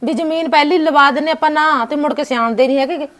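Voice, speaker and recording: A woman's voice: high voice, fast, a bit bright. A woman playing an insistent, hot-tempered daughter in a family drama skit. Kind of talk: village family drama acting.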